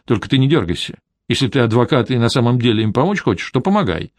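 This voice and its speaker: A man's voice: medium pitch, sing-song, quick pace, no echo, close to an everyday voice. A man reading an audiobook, voicing a stubborn, secretive older woman housekeeper who grumbles and refuses curtly. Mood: stubborn, irritated.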